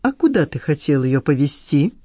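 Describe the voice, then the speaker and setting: Reader playing a stern woman interrogator, pressing and irritated, mellow tone. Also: sits low, very animated, moderate pace, dry recording, studio quality. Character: stern, sharp-tongued middle-aged woman interrogator. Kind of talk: audiobook dialogue.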